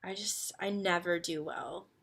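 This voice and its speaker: Bright-voiced chatty woman in her twenties. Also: lowish voice, a little slow, creaky. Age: 20s. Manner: chatty, heavy on "like" fillers; swings from excited to quiet and earnest. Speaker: vlogger answering fan questions. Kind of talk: casual chat.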